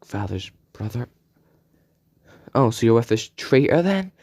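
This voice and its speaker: A man's voice: mid-range voice, sing-song, measured pace, a little mellow, husky, exaggerated voice. A man voicing an angry, distrustful teenage girl in a spoken fan story, with accusing clipped lines. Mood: scornful.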